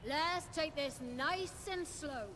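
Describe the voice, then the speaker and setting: A woman's voice: sits high, slow pace, heavy background noise. An actress voicing a blunt, hostile armed woman in a video game, giving curt threatening warnings over game music. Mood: wary. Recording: game audio with loud music.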